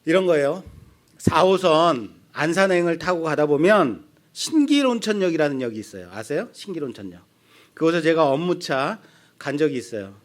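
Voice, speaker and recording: A middle-aged male pastor with a Seoul accent delivers an expository sermon. He talks in a high voice that swings widely in pitch. He keeps putting questions to the congregation and acts out the voices of the people he quotes. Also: sing-song, normal speed. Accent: Seoul Korean. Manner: asks the congregation questions and answers them.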